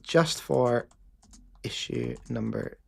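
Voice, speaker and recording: A man's voice: mid-range voice, takes it slowly, vocal fry. A man with a Scottish accent casually explaining a live coding session as host, with frequent fillers and restarts.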